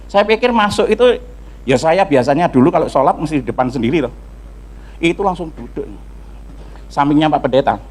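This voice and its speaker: A male pastor giving a lively testimony sermon to a congregation, acting out dialogue and singing snippets of hymns. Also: a little high, brisk, long pauses, rough recording. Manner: animated storytelling with acted dialogue and sung snippets.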